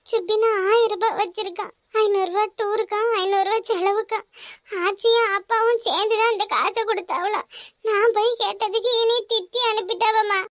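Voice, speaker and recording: A woman's voice: extremely high pitch, no room sound, studio quality. A woman voicing a tearful young schoolgirl of about thirteen in a cartoon, with a Kanyakumari Tamil accent and a whiny, begging way of talking. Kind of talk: cartoon voice acting.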